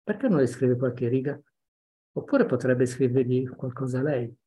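A man's voice: mid-range voice, animated, moderate pace, mellow, natural voice. A man voicing a patient, reasonable adult male visitor in a story read aloud. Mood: calm.

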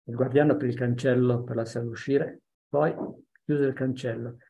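A man reading a story aloud with steady, measured narration. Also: medium pitch. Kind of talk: audiobook reading.

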